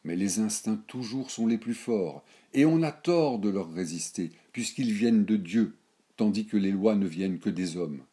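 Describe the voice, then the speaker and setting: Voicing the same scornful, worldly aristocratic grandmother from a storybook, the man uses his low, dark, mellow and deep voice, animated yet close to his everyday sound. Her indignant lecturing unfolds in slow, declamatory build-ups.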